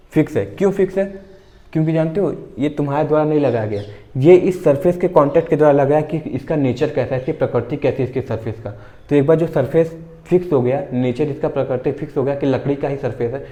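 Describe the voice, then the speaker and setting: Mellow-voiced man teaching physics. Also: mid-range voice. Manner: conversational, repeatedly checking understanding with the class; explains through everyday examples. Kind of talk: exam-prep physics lesson.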